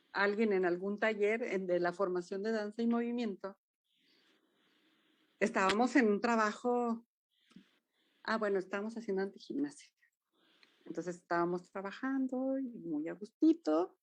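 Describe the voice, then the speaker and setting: A woman with a Mexican accent, a dance movement therapist, animatedly recounting therapy cases in an interview and acting out the dialogue. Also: medium pitch. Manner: animated storyteller, acts out dialogue.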